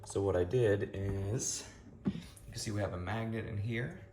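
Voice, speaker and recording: A man's voice: fairly low pitch, moderate pace, mellow. A man casually explaining a DIY project step by step as a hobbyist maker. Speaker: hobbyist maker and vendor showing a DIY build. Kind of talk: casual spoken build walkthrough. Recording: clear background noise.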